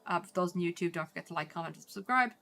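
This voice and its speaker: A woman's voice: lowish voice, rapid-fire, vocal fry, bright, forceful tone, soft background music. An Irish woman streamer sounding sleepy as she wraps up her stream with casual, chatty talk. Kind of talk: casual game stream chat.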